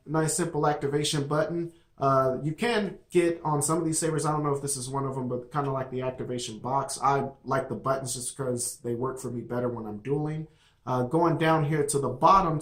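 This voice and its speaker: A man casually reviewing a product, rambling with many fillers and restarts. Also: medium pitch. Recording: echoey room.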